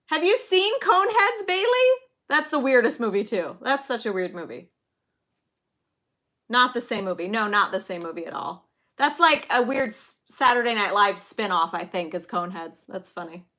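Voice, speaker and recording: Bright, lively woman hosting a livestream. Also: on the high side, normal speed. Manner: chatty, enthusiastic, cheers on viewers by name. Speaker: livestream host. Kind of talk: casual live chat, reading movie quotes.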